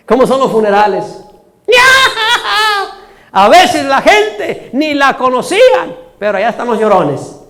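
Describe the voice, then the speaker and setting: High-voiced, folksy preacher. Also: male voice, big pitch swings, a little slow, gravelly. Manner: folksy, laughing, keeps saying "hermano". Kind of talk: storytelling sermon.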